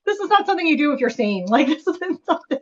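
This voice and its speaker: A young woman guest on a video call speaks in a wry, candid, joking way. Her voice is a little high. The audio is dull and lo-fi, like a muffled call line. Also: sing-song, fast talker. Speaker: guest author. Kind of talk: casual interview chat.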